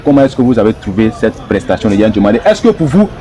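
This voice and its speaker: A man's voice: lowish voice, sing-song, quick pace, dark tone, faint music behind. Man hosting a football debate. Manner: formal, introduces guests and asks long questions. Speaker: host. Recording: noisy background.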